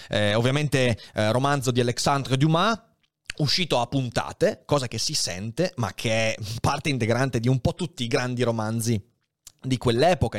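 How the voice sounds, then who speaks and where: A man hosting a literary podcast, explaining in a measured way with occasional hesitant fillers. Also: medium pitch, dry recording, studio quality. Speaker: podcast host.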